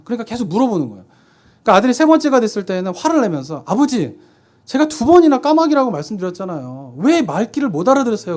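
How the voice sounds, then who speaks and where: A man in his thirties, a pastor, gives a sermon in a church sanctuary in a casual, talk-like way, regularly asking and then answering his own rhetorical questions. His pitch is slightly high and his tone somewhat dark.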